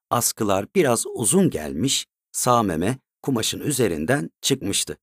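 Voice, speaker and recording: A man narrating a story in a steady, measured way. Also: medium pitch, dry recording, clean studio sound.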